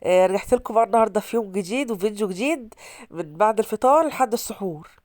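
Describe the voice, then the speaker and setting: Her medium-pitched, slightly mellow voice is expressive and very fast as this Alexandrian cooking host, accented in Egyptian Arabic, talks chattily to viewers, often repeating herself. She's got a stuffy nose from a cold, and the sound is clean with no room noise.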